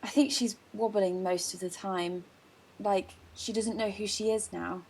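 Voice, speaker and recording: A young actress playing a shy teenage girl in first love, hesitant, soft and self-deprecating. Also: mid-range voice, steady tone, a little slow, slight background noise, close to an everyday voice. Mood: tender. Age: young adult. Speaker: student actor. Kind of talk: stage drama dialogue.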